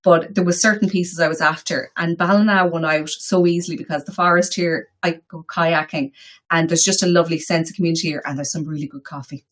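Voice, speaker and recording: A woman's voice: deep voice, steady tone, fairly quick. A woman from the west of Ireland with a local accent, talking casually and chattily as an interview guest. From Galway, west of Ireland. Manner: chatty, informal, colloquial.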